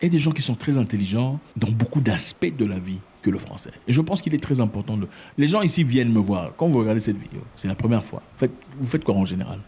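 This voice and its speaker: A man giving his opinion to camera in a casual, emphatic way, with sudden jumps in pitch. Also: fast, few pauses, husky. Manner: animated and emphatic, with sudden high pitch jumps and mock voices. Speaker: commentator.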